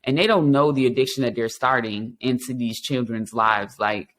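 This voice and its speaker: An earnest man in his thirties tells his own story of recovery in a mid-pitched voice. He talks reflectively, stopping and restarting often with ums, and turns to encourage his listeners. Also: normal speed, fairly bright tone. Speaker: podcast host. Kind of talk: personal testimony and encouragement.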